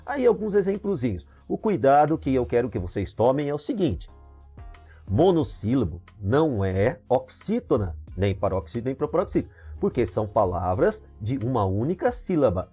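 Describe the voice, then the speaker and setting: A man's voice: mid-range voice, normal speed, slightly rough, soft background music. A man with a Brazilian Portuguese accent teaching a grammar lesson, explaining step by step and often checking in with "tá?" and "ok?". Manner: lively explaining with many "tá?" and "ok?" checks. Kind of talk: recorded video lesson.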